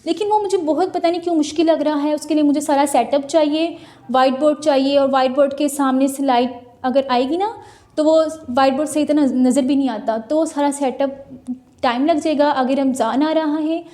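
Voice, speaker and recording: Her voice is high, mellow and steady, and she moves briskly through a casual Q&A recorded on a mobile phone. The Pakistani student vlogger, in her twenties, chats as she answers viewer questions individually with practical advice.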